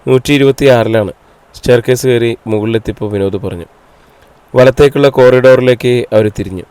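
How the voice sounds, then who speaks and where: Smooth-voiced male storybook narrator. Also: mid-range voice, a little fast, no echo. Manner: steady storytelling read. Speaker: audiobook narrator. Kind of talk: scripted narration.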